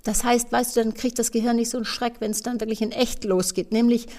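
Animated woman explaining as a therapist. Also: fairly high pitch, fast. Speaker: sex therapist. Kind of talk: casual chat.

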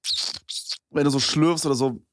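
A man's voice: medium pitch, steady tone, normal speed, fairly bright tone, dry recording, clean studio sound. A young man from eastern Germany, co-hosting a podcast in slangy casual chat and laughing often. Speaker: podcast co-host.

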